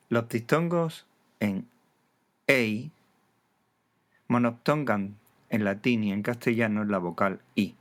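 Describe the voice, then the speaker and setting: A man giving scripted instructional narration, carefully enunciating each example word. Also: on the low side. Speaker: teacher.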